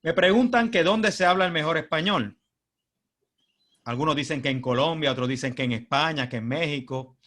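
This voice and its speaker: A man's voice: on the high side, moderate pace, a bit bright. A man from Puerto Rico with a Puerto Rican accent, giving a humorous, chatty presentation as a guest speaker and asking the audience rhetorical questions. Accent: Puerto Rican Spanish. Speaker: guest speaker at a club meeting. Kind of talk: informal presentation.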